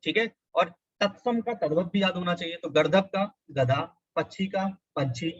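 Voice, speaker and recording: A man's voice: high-pitched, moderate pace, no echo, lo-fi sound. A man teaching Hindi spelling for exam preparation, explaining step by step and checking in often with the students. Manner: explanatory, repeats key points with "ठीक है". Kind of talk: exam prep lecture.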